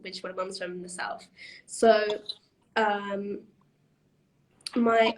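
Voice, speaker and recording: A young Iranian woman appears as a podcast guest, chatting casually with lots of fillers, restarts and frequent laughter. Her voice is fairly high-pitched, and the recording quality is rough.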